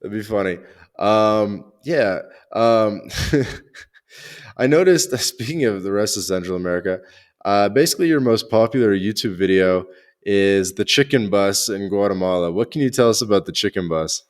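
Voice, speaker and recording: A man hosting a casual podcast interview talks at normal speed in a fairly low, animated voice. Chatty and keen, he peppers his talk with hesitant "uh"s and "like"s.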